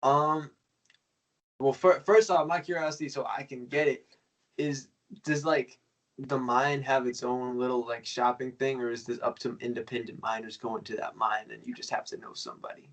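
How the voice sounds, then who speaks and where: A man's voice: mid-range voice, fairly even intonation, normal speed, a bit bright, poor audio. Slangy man groping for words. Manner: loose, slangy, searching for words. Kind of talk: casual conversation.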